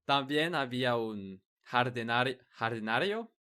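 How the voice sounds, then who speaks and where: A man hosting a podcast, chatting in a language he is still learning, pausing often and restarting words as he searches for them. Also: medium pitch, animated, sharp tone, clear, resonant tone. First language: not Spanish. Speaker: podcast host. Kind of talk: casual conversation in a learned language.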